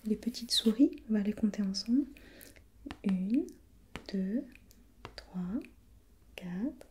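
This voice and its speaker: A woman playing a gentle, patient preschool teacher in a soft, breathy whispered role-play, encouraging and repeating softly. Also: mid-range voice, expressive, slow pace, noisy background.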